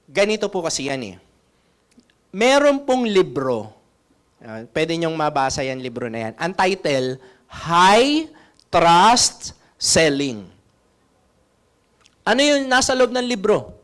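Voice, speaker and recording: A man giving a seminar talk as a sales trainer, coaching and keeps asking the audience questions. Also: high voice.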